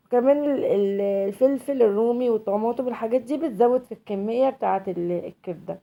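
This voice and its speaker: Speaking with an Egyptian Arabic accent and nursing a cold, a woman cooks on her home cooking channel and talks directly to her audience. Her voice is fairly high, gravelly and narrow, she speaks quickly, and the audio sounds tinny.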